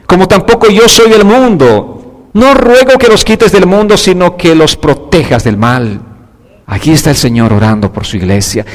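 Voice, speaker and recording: A male pastor preaching a sermon, moving between quiet, low passages and raised, emphatic declarations. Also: long reverb tail.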